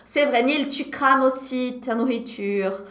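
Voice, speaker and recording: Animated Brazilian woman teaching French. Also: sits high, slow pace, reverberant. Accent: Brazilian Portuguese. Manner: animated, laughs often, drills words by repetition. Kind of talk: live online beginner French lesson. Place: home setup at her computer. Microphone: computer mic.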